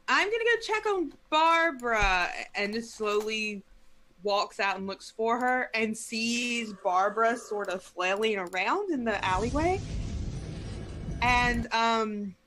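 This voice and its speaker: A woman playing a tabletop game, narrating what her character does in a lively way. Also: fairly high pitch, a little slow, music in the background. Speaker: player. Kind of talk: casual tabletop play.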